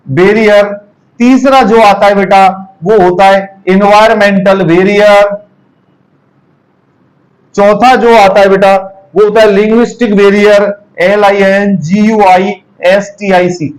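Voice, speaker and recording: A man's voice: high voice, poor audio. A man teaching nursing students in a classroom lecture, addressing them fondly as children and repeating terms for dictation. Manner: calls students "beta", mixes Hindi and English terms.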